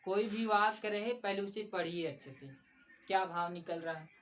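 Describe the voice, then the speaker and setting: A woman's voice: mid-range voice, normal speed, a bit bright. Patient woman teacher, distant mic. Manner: patient, repeats key points, addresses viewers as friends. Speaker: English grammar teacher. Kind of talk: explanatory classroom lesson. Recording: slightly distant mic with faint background noise.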